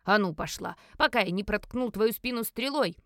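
A woman barking as a gruff dwarf jailer. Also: mid-range voice, moderate pace, no echo, clean studio sound, close to an everyday voice. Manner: barking, loud orders. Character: gruff male dwarf jailer, rude and bossy.

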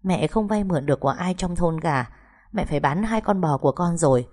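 A woman's voice: lowish voice, animated, brisk, darkish tone. A woman reading the part of a worried, hardworking middle-aged village mother in an audiobook story, in an earnest and soothing tone. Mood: anxious, soothing.

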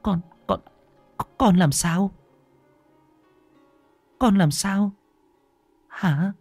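A man's voice: high voice, drawn-out words, a little mellow, no room sound, soft background music, pitched above the performer's own voice, full character voice. A man voicing a frantic young village mother who wails and shrieks in grief in a spoken ghost story. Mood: stunned terror. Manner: wailing, shrieking cries.

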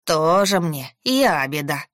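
Woman reading sly old grandpa figure for a storybook, slow drawl, deep and dry. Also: lively intonation, no echo, lightly acted.

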